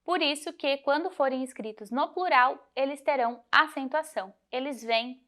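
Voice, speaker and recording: A woman teacher guiding students through a grammar lesson, clear and methodical, slowing to spell out example words. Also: high voice, a bit bright. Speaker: Portuguese teacher. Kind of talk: recorded lesson walkthrough.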